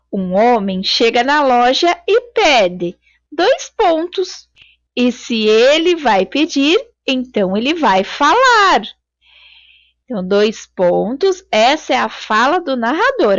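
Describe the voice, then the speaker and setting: Female teacher for a video lesson, high voice with lively rise and fall, slow patient delivery. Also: no echo, highs cut off. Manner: slow, patient explaining to children.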